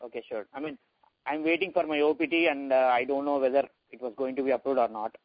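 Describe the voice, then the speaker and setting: A man's voice: medium pitch, lively intonation, quick pace, no echo. A man from India with an Indian accent, calling in for advice in a hesitant, deferential way. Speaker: caller. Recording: dull, dry phone call.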